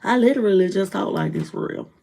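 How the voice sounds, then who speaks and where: Lively woman preaching uplift with dialect flavor. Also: mid-range voice, fast, gravelly. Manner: lively, swings loud and soft, preachy. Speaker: rideshare driver and motivational vlogger. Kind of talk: casual motivational talk to camera.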